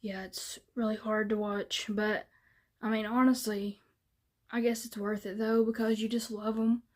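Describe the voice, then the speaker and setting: A woman's voice: mid-range voice, flat delivery, measured pace. A woman chatting casually to her viewers in a folksy, rambling way, with lots of fillers. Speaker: vlogger. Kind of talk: casual chat to camera.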